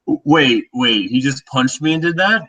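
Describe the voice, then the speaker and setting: A man playing a tabletop game, asking quick, incredulous questions in casual chat. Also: mid-range voice, expressive, pushed and bright, husky, recorded from a distance, lo-fi sound. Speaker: player.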